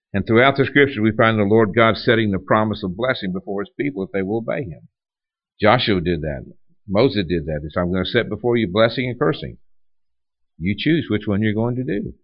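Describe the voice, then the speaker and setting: A man with a low voice preaches a sermon in a conversational, teaching style, frequently restarting his phrases. The recording is dry, dull, and lo-fi.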